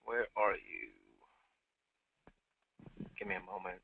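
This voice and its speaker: A man's voice: on the low side, fairly even intonation, slow, vocal fry, slight background noise. A man hosting a live team webinar, upbeat and repeating himself, with many fillers, on a headset. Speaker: webinar host. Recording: dry, tinny phone-like line.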